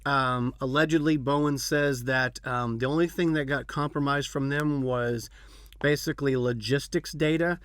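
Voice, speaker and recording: A man's voice: medium pitch, steady tone, normal speed, fairly bright tone, clean tone, dry recording. A man hosting a podcast, chatting casually and rambling with fillers and restarts. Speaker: podcast host. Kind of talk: casual chat.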